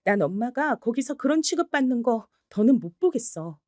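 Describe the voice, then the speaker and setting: A bold young daughter, as a woman acts her out, pushing back in a high, sharp voice. She speaks fast and fierce, and the sound is dry and close. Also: big pitch swings, dry recording. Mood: defiant. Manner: sharp, defiant and high-pitched.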